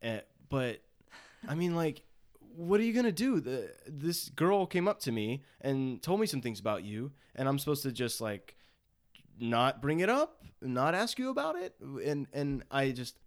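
A man co-hosting a casual chat, animated and laughing often as he retells scenes. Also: medium pitch, a little slow. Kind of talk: casual chat about a dating show.

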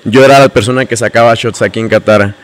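A young man with a Mexican accent, casually telling his own story as a guest, slangy and animated, acting out the dialogue he quotes. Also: lowish voice, quick pace. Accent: Mexican Spanish.

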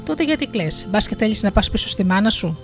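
A storyteller gives voice to a fatherly sun in a spoken folktale, asking gentle, caring questions in a mid-pitched voice. Faint music plays underneath. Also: very animated. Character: kindly sun as a lordly old man.

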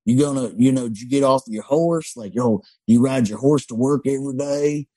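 A young Texan man, a comedian appearing as a guest on a casual podcast, talks in a mellow mid-range voice with a breathy edge, recorded without echo. He tells rambling stories in a quick, loose way.

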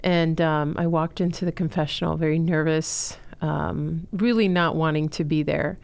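This woman, a forties-aged school co-founder from Chile who grew up in Miami, shares her personal story earnestly as an interview guest, using fillers in her heartfelt telling. She has a low, creaky, darkish voice with a steady tone at normal speed.

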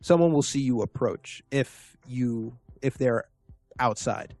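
A man's voice: medium pitch, slow, vocal fry, a little mellow. A man narrating as game master of a tabletop role-playing game, talking with many fillers and restarts.

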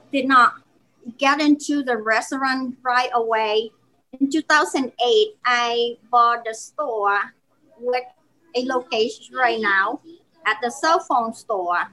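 A restaurant owner in her forties speaks English with a Vietnamese accent, her first language being Vietnamese. Her voice sits a bit high, and she tells her story earnestly, stumbling and restarting as she goes. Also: sharp tone, low-quality recording. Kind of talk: podcast interview.

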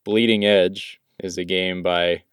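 A man's voice: deep voice, fairly even intonation, takes it slowly, fairly bright tone, clear, resonant tone, no room sound, clean studio sound. A young man co-hosting a gaming podcast in casual banter, swearing and joking as he goes. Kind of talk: casual banter and game chat.

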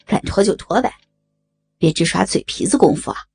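A woman voicing a flustered, teasing young adult son in a hushed, breathy, lowered voice. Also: lively intonation, moderate pace, no room sound, faint music behind.

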